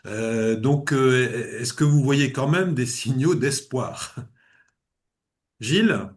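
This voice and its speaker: A man's voice: medium pitch, expressive, takes it slowly. A man with a French accent moderating a panel, relaying audience questions with frequent hesitations. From France. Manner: hesitant, many fillers while reading questions.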